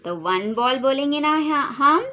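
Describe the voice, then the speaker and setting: A woman's voice: high voice, animated, measured pace. A woman teaching English to young children, spelling words letter by letter in a sing-song way and repeating questions. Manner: repeats questions and calls the listener "beta". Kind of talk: classroom lesson for young children. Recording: dull lo-fi sound.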